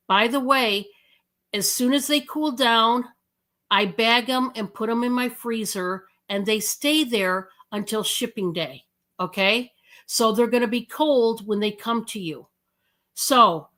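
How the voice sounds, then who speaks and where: An American woman hosting a live sales stream, chatting casually and slowly with many fillers. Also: mid-range voice, pushed and bright.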